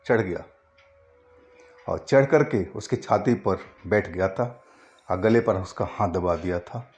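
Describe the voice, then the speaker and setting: A man telling a first-person ghost story in Hindi narration, slow and halting with frequent pauses and restarts. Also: fairly low pitch, darkish tone.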